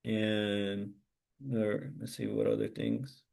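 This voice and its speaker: Low, mellow-voiced man giving casual advice. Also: very animated, takes it slowly, gravelly. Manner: loose, hesitant, many "like" fillers. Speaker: hackathon mentor.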